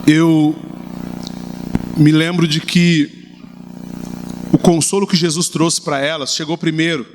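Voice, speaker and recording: Man, middle-aged, pastor, high voice, humorous lively sermon. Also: takes it slowly, background noise. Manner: lively, humorous preaching with acted asides.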